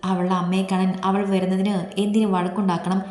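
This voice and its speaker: A woman's voice: medium pitch, little pitch movement, quick pace, natural voice. Woman reading a stern, protective brother. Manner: blunt, pressing questions. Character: stern protective young man, quick to anger. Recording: echoey room, long reverb, soft music.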